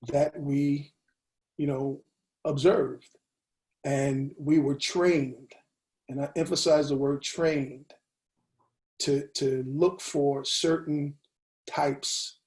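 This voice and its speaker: A man speaks slowly and deliberately, leaving long pauses between his thoughts. His voice sits a little high for a man. He is leading a book discussion over a video call. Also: a little mellow. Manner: slow, deliberate, many pauses and fillers. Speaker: discussion leader.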